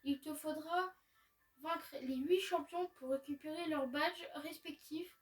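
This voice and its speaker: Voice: sits high, measured pace, recorded from a distance. A gamer reading aloud a polite receptionist who explains the rules of a video game tournament. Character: polite formal league receptionist.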